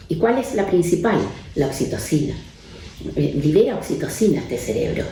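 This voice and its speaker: A woman, a neuropsychiatrist, explaining calmly with anecdotes and often ending her points with a questioning "right?". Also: fairly low pitch. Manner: frequent tag questions, calm explaining. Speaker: neuropsychiatrist guest speaker. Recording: very echoey room, faint background noise.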